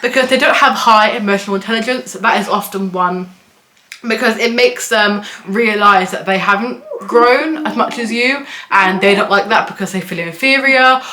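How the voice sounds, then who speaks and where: A woman's voice: medium pitch, moderate pace, bright, forceful tone. Chatty woman giving advice. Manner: earnest, chatty, reassuring, with frequent "like" fillers. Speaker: self-help vlogger. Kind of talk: casual advice monologue. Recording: noticeable background noise and clicks.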